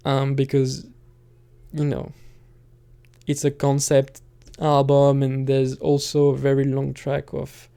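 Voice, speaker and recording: A man with a relaxed, dark-toned, middle-pitched voice and lots of vocal fry rambles casually on his own channel, where he streams and makes music. He speaks haltingly and hesitantly, thinking aloud as he works toward each idea.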